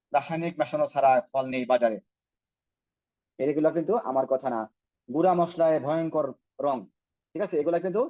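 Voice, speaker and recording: A man from Bangladesh, speaking, presents slides in an online training call. He talks at a brisk clip in a low, mellow voice, and the sound is dry and close. He keeps posing rhetorical questions and checking that his listeners are following. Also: no echo. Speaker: product trainer.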